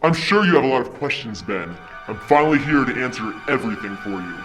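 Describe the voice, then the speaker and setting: A man voicing a smug time-traveling version of himself from the future, his voice pitch-shifted deep, teasing in casual comedy-sketch talk. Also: expressive, quick pace, over music, poor audio.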